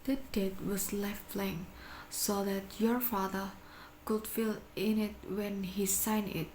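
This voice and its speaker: Cold, insistent blackmailing clerk for a stage drama, played by a woman; deliberate, unhurried, menacing, with faint noise behind. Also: medium pitch, steady tone, a little mellow, lightly acted. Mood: coldly probing. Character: cold, insistent male bank clerk turned blackmailing moneylender. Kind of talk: amateur dramatic reading of a stage play. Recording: echoey room with faint background noise.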